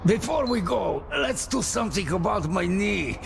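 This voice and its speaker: An aging video game engineer who complains about his swollen knee. His voice is gravelly and a touch high, and it moves slowly with lively rises and falls. A faint noise sits beneath it. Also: over music, exaggerated voice. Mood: grumbling. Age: older. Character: aging gruff male engineer with a bad knee. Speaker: game character.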